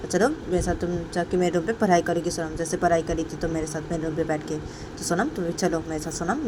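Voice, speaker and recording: A woman voicing a calm grandmother who softly coaxes a child to come study with her. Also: on the low side, noisy background, lightly acted. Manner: soft, coaxing, repetitive.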